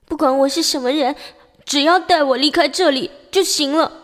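Lonely little orphan girl, kinda high, whiny and pleading. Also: extremely slow, mellow, in a large hall. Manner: sulky, pleading. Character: plain lonely orphan girl longing to be adopted. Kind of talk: audio drama acting.

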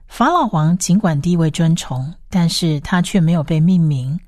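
A woman teaching a Bible study lecture, explaining passages in a steady way and reading scripture aloud. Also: deep voice, normal speed, no echo, clean studio sound.

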